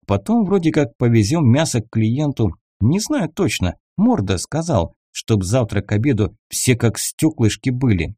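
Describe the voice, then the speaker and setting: A man's voice: mid-range voice, big pitch swings, warm tone, breathy edge, no room sound, studio quality. A man voicing a frightened young male captive who talks nervously and in a hurry. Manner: nervous, hurried, gulping.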